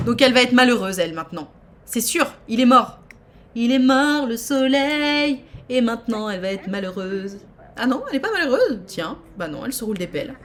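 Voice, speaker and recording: A woman giving chatty, playful commentary while she streams a life-simulation game. She swings from excited squeals to low muttered asides. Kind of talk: casual live game commentary.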